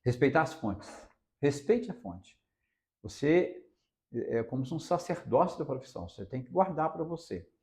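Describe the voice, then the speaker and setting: A man's voice: mid-range voice, big pitch swings, normal speed, a little mellow. A man, a radio reporter from Minas Gerais, telling stories in an interview with emphatic, repeated phrases and a Minas Gerais accent. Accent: Brazilian Portuguese, Minas Gerais. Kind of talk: casual interview storytelling.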